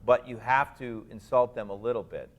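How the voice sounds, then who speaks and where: A man's voice: mid-range voice, fairly even intonation, moderate pace, lo-fi sound. A man comedian on a panel who talks emphatically and keeps hammering his point home. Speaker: comedian guest. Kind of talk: casual panel chat.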